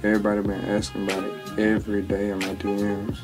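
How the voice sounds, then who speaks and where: A twenty-year-old rapper answers interview questions in a small home studio, drawling and laid-back, full of slang and restarts, over a music bed. His voice is fairly low and completely flat, and he speaks quickly.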